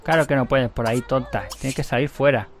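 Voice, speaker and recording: A man's voice: medium pitch, steady tone, brisk. A man giving casual gameplay commentary, chatty and mocking as he talks to the characters on screen.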